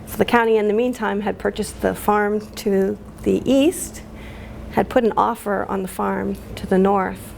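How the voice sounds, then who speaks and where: A woman speaking at a public talk, halting and emotional, with many fillers, recorded with faint room ambience. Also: medium pitch, fairly even intonation, gravelly, darkish tone, slight background noise. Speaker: community activist speaker.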